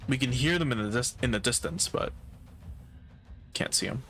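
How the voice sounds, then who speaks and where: A man's voice: mid-range voice, moderate pace, a bit bright, soft background music. A man casually commentating his horror game playthrough as a streamer, talking through puzzle steps with loose fillers and the odd swear. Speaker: gaming streamer. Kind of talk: casual let's-play commentary.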